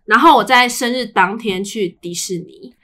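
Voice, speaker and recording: Heavy background noise surrounds a young woman's slightly high voice at a moderate pace. She co-hosts a podcast with a Taiwanese Mandarin accent, chatting casually and acting out dialogue in her chatty stories.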